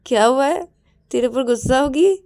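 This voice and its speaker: A woman's voice: high voice, moderate pace, darkish tone, no room sound, voice pushed up. A woman voicing a young woman friend, teasing and bossy.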